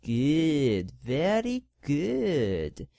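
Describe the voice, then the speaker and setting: Man voicing a scheming cardinal, sneering and condescending, slow deliberate delivery, lively swooping pitch. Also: a little hiss or hum. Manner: sneering, condescending, mock-polite. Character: scheming power-hungry male cardinal poisoning the pope. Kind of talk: audio drama acting.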